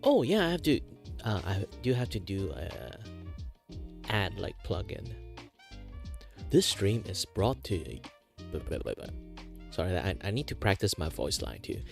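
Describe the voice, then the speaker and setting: A man's voice: deep voice, sing-song, normal speed, vocal fry. A man hosting a livestream in casual chat, rambling and hesitant with a self-deprecating manner. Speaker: livestream host, virtual streamer. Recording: music playing behind the voice. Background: background music with guitar.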